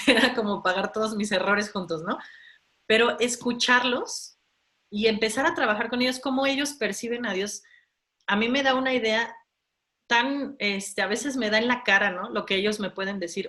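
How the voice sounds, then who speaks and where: A woman's voice: mid-range voice, fairly bright tone. Chatty woman guest. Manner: chatty, frequent fillers and laughs. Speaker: interview guest. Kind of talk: casual faith conversation.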